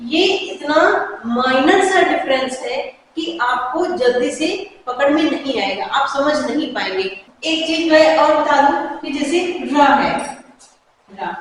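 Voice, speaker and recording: Woman, teacher, high voice, careful repetition of words, distant mic, echoey room. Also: slight background noise. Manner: slow, repeats example words with care. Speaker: English teacher. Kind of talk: Hindi-medium pronunciation lesson.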